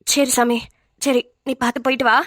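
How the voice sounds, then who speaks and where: Cartoon granny, voiced by a woman, high bright voice, dry sound. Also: level tone, dry recording, close to an everyday voice. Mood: fretting. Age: older. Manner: chatty, fretting, quick rambling talk. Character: older village grandmother, fussy and protective. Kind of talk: cartoon voice acting.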